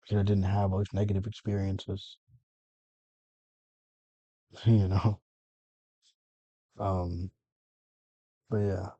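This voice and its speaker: A man with a low, very dark and husky voice rambles through a personal monologue, circling back and correcting himself as he goes. The sound is dry and close, with no room around it. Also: level tone, takes it slowly, long pauses, no room sound, dull audio. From United States. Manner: meandering, self-correcting, frequent swearing. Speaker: vlogger.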